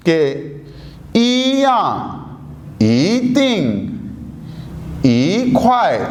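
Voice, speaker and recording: A male language teacher, a native Urdu speaker, explaining Chinese tone rules to students. He asks questions and answers them himself, repeats example words slowly, and mixes in English terms. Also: fairly high pitch, a little mellow.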